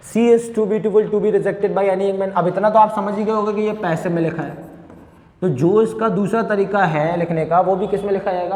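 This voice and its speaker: A man teaching an exam-prep grammar lesson, quizzing his class with questions he answers himself and reading example sentences out slowly. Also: high voice, darkish tone. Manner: asks the class questions and answers them himself, checks with "clear?". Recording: echoey room with long reverb.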